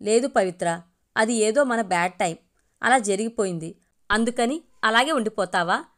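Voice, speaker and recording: A woman's voice: a little high, expressive, moderate pace, fairly bright tone. A woman voicing a worried middle-aged mother who scolds her grown children in a storybook reading. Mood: scolding.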